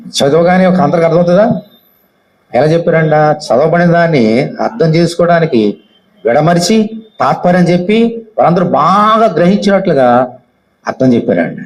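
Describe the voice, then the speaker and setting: A man's voice: a little high, expressive, moderate pace, long pauses, poor audio. An Indian man preaching as a pastor, reading scripture aloud and often firing questions at his congregation, his voice rising and falling. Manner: questions the congregation often, swings loud and soft with repeated phrases. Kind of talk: sermon with Bible reading. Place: church hall.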